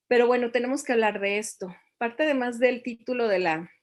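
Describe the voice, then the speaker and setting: A middle-aged woman, giving a reflective talk to parents and asking them many questions. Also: a little high.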